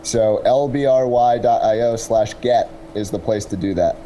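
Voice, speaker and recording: A man giving casual, explanatory interview answers as a tech startup representative, pausing to pick his words. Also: lowish voice, warm tone, a little hiss or hum.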